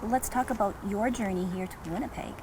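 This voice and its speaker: A woman hosting an interview, asking soft-spoken, sympathetic questions. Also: mid-range voice, fairly quick, noisy background. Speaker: host. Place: home.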